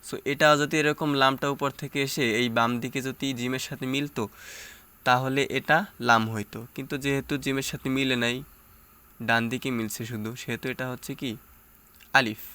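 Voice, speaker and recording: A man teaching Quran reading, spelling out each syllable slowly and deliberately, then explaining common mistakes. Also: medium pitch, fairly even intonation, sharp tone, smooth. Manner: slow, deliberate syllable-by-syllable recitation. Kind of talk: step-by-step spelling drill and explanation.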